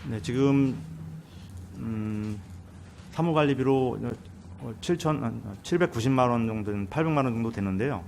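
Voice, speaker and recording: A man, a department head, giving deferential, somewhat halting formal answers at a council meeting. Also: medium pitch, a little mellow, slight background noise. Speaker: department head, senior welfare official.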